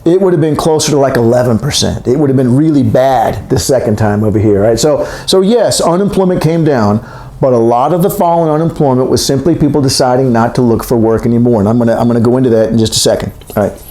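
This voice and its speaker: Recorded for a video lecture in an echoey room, a sixty-something man talks economics fast in a warm, mid-range voice. His delivery is rambling and conversational, and he frequently stops to fix what he's saying partway through a sentence.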